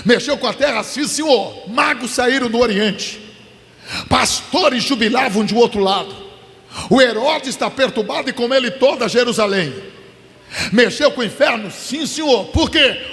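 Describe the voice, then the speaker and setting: A Brazilian pastor preaching a fervent Pentecostal sermon in a large church, often shouting his refrains. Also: extremely high pitch, moderate pace, gravelly. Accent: Brazilian Portuguese. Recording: echoey hall reverb.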